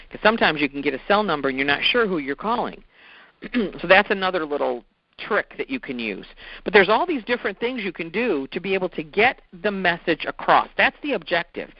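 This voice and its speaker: Brisk and sing-song, a fairly high-voiced sales trainer gives an informal, step-by-step lesson, chatting his way through it and circling back to key points. The recording is dry, dull and lo-fi.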